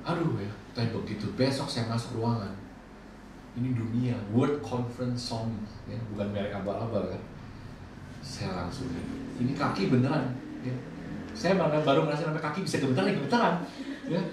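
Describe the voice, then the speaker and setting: A man preaching a sermon, telling lively personal stories and acting out his own remarks. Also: mid-range voice, a little fast. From Indonesia. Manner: lively storytelling, acts out his own quoted lines. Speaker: bishop preaching. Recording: echoey hall from far off, faint noise.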